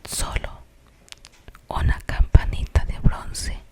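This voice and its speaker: Hushed, slow Colombian whisper, suspenseful ASMR storytelling.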